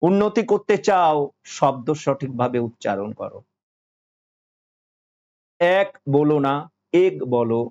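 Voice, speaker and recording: A man with a Bengali accent giving a devotional sermon, slow and insistent, repeating phrases and singing verses. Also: medium pitch, very animated, darkish tone, muffled recording. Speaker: spiritual teacher.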